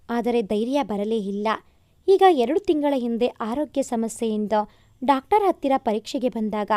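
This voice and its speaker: A woman's voice: a little high, mellow, no room sound, studio quality, natural voice. A woman reading as a remorseful young woman. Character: young woman writing a farewell letter, remorseful.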